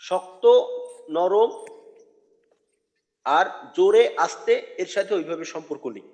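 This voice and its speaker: A man teaching Quran recitation in an online lesson, patiently repeating sounds slowly for his students. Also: sits high, lively intonation, a little mellow, big-room sound.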